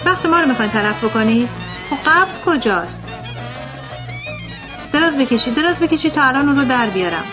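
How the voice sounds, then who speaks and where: A woman's voice: sits high, lively intonation, long pauses, pitched above the performer's own voice, low-quality recording. A woman voicing an impatient, commanding male surgeon professor in a read-aloud story, with music behind her.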